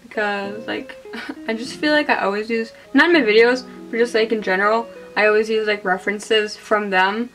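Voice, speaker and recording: Speaking at a moderate pace in a steady, fairly bright mid-range voice, a hungover woman in her twenties rambles through her makeup vlog and makes jokes at her own expense. Faint music sits in the background of a rough recording from a small indoor room.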